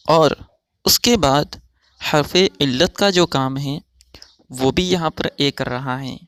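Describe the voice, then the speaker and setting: A man's voice: fairly high pitch, fairly bright tone, no echo. Methodical male English tutor. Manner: slow, methodical explaining with drawn-out examples. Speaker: English teacher. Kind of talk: recorded pronunciation lesson.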